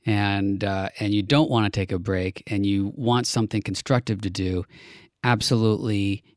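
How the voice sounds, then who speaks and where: A man's voice: lowish voice, fairly even intonation, normal speed, no echo, studio quality. A man hosting a casual political podcast chat, talking earnestly with plenty of thinking fillers. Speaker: podcast host.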